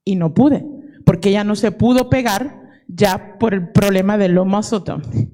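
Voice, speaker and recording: A woman's voice: medium pitch, a little slow, mellow. A woman in her forties giving an earnest personal testimony at a conference, dropping English words into her Spanish. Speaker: audience member giving testimony. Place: conference hall.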